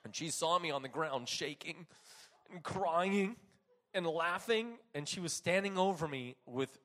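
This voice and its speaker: A man preaching a testimony sermon as an animated storyteller, swinging from loud bursts to hushed passages. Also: fairly high pitch, a little slow.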